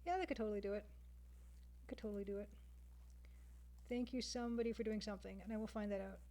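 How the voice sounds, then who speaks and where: With a warm, mid-range voice and a steady tone, she talks fast. The Canadian game artist is livestreaming, sketching away while chatting loosely with her audience and voicing her thoughts.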